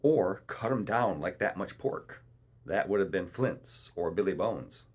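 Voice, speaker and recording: A male narrator voices a scheming, coldly menacing pirate ship's cook, husky and swinging widely in pitch. The character wheedles and bosses like a storybook villain, full of boastful, rustic seafaring talk. The delivery is expressive, a little slow and mellow, and heavily acted.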